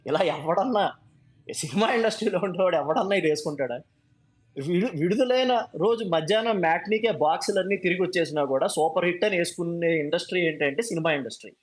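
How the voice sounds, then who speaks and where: A man's voice: high voice, a little fast. A man giving a passionate, emphatic monologue as a fan commentator, dropping English phrases into his talk.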